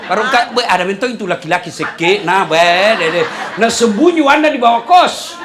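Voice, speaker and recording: A man's voice: high-pitched, lively intonation, brisk, a crowd in the background, background noise. A male preacher gives a humorous sermon to a congregation, telling stories and acting out the voices of the people in them. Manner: playful storytelling, acting out quoted voices.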